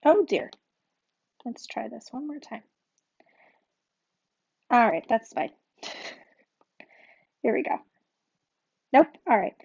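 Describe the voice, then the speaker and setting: High-voiced woman teaching calculus, lo-fi. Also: very animated, very slow, gravelly, pauses often, warm tone, husky. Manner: chatty, self-correcting, sings a memory rhyme. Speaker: math teacher. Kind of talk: recorded calculus tutorial. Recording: dull lo-fi audio.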